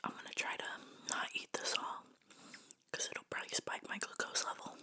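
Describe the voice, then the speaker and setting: A woman hosting her own show, whispering softly for ASMR with tasting and eating sounds and playful asides, close to the microphone. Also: fairly quick. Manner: playful, self-mocking asides.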